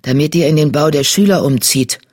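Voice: medium pitch, fairly quick, darkish tone, close to an everyday voice. A reader voicing a curt, brusque mother cat who nurses kittens in an audiobook. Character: gruff mother cat, nursing queen.

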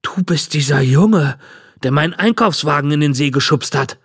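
A man playing a gruff old homeless man. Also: on the high side, animated, normal speed, fairly bright tone. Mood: suspicious. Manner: gruff, accusing.

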